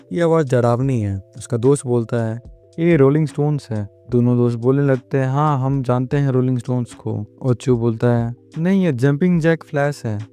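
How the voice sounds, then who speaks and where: A man's voice: medium pitch, warm tone, smooth. A man narrating a manga plot recap, retelling scenes line by line and reading the characters' lines in his own plain voice.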